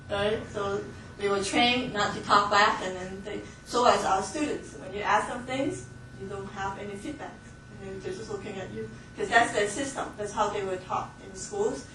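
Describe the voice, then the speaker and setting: A woman's voice: mid-range voice, fairly bright tone. Distant echoey woman lecturing a class. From Hong Kong. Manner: chatty, laughs often, many fillers and restarts. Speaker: missions training instructor. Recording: echoey room from far off, faint noise.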